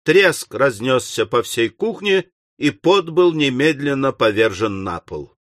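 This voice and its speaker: A man narrating an audiobook in a measured, theatrical read. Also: mid-range voice, animated, fairly bright tone, no room sound, studio quality. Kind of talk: scripted narration.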